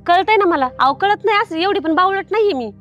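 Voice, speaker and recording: A woman playing a shrill, nagging wife. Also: lively intonation, fast talker, fairly bright tone, muffled recording, faint music behind. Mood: accusing. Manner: reproachful, nagging questions. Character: hurt, accusing village wife in her prime. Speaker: suspicious wife. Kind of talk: comedy film acting.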